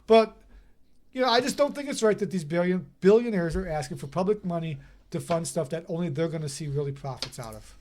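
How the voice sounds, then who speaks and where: A man's voice: a little high, animated, fairly quick, darkish tone. A man co-hosting a podcast, arguing heatedly in casual talk and swearing often. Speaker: podcast co-host. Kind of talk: casual profane rant.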